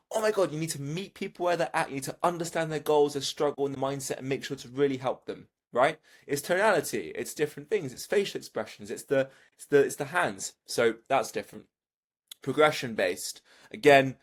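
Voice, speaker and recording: A young man, a gym owner, giving a casual coaching lesson in an animated way, with swearing and quick restarts. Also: lowish voice.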